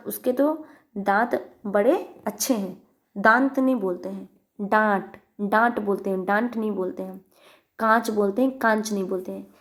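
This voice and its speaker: A woman teacher speaks at an ordinary middle pitch, close to the mic. She explains grammar step by step in a patient, repetitive way and often turns to the viewers as friends. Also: a little mellow. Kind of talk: online grammar lesson.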